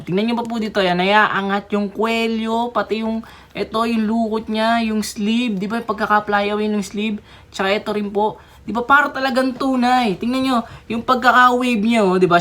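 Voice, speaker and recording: A young woman talks through a toy unboxing in a casual, chatty way. She keeps breaking into excited exclamations and small giggles. Her voice sits at an ordinary middle pitch for a woman. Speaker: toy reviewer.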